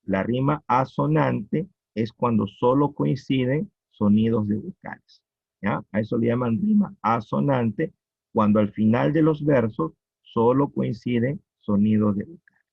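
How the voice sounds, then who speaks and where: Man, Peruvian accent, teacher, unhurried lecturing, dull lo-fi recording. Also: mid-range voice, creaky, husky, no room sound. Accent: Peruvian Spanish. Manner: slow, repetitive explaining with checking questions. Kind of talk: classroom lecture on poetry.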